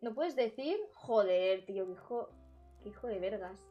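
A woman from Spain chatting casually with her viewers on a live stream from a bedroom, bubbly and laughing often, with loud sudden exclamations. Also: mid-range voice, normal speed, lo-fi sound, faint music behind. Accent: Spain Spanish. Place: bedroom at her grandmother's home.

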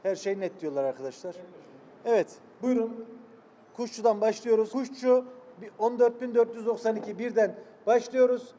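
A man with a high but mellow voice formally opens a public auction, addressing participants courteously. The hall gives his voice a long reverb, with faint noise. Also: moderate pace. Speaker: auction host.

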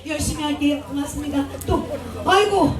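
Woman performer, high bright voice, bantering with the crowd through a booming stage mic. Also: brisk. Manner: joking, chatty, effusive thanks. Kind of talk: banter with a live audience. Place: outdoor festival stage. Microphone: stage PA microphone. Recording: echoey PA sound, taped from far off, crowd noise.

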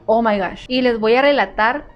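A woman's voice: on the high side, moderate pace, muffled recording. A woman telling a personal story to her viewers, emphatic and repeating her phrases. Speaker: vlogger. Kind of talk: storytime narration.

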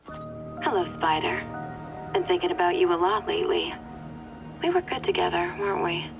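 A seductive cat burglar for a video game, low and swooping, with a gravelly creak. She teases and flirts over music. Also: big pitch swings, poor audio. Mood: flirtatious teasing. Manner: slow, flirtatious. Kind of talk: video game cutscene acting. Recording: music bed behind.

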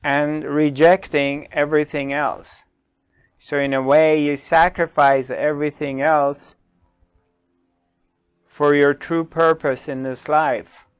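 A middle-aged man, a spiritual teacher, speaking slowly to the camera with long pauses and repeated questions, on a lapel mic in a small studio. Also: fairly high pitch, little pitch movement, clear, resonant tone, no echo. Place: small dark studio, indoors.

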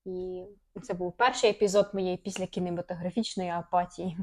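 A woman's voice: lowish voice, fairly even intonation, fairly quick, darkish tone. Playful young woman asking questions. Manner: playful, laughs between lines. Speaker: podcast co-host asking questions. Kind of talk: casual chat.

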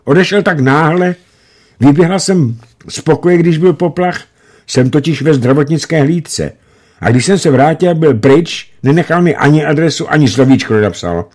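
A man voicing an anxious young woman on the telephone in a read-aloud story, his voice pushed high and pleading. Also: darkish tone.

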